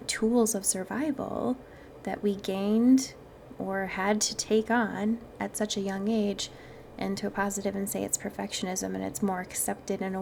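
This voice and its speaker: A woman's voice: medium pitch, vocal fry, a little mellow, a little hiss or hum. A woman with a Wisconsin accent hosting a self-help podcast, talking in a chatty, earnest and playful way straight to her audience. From Wisconsin, United States. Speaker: podcast host.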